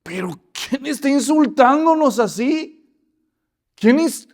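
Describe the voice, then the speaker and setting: A man's voice: very high-pitched, lively intonation, takes it slowly, darkish tone, voice pushed up, full character voice. A man voicing a young shepherd who asks startled, puzzled questions. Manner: surprised questioning.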